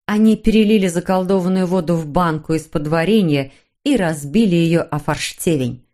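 A woman reading a children's storybook aloud as narrator, in an expressive, even manner. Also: on the low side, normal speed.

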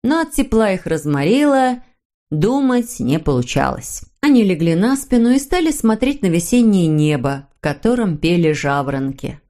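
A woman narrating a children's storybook in an expressive, melodic way. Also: fairly low pitch, normal speed. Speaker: audiobook narrator.

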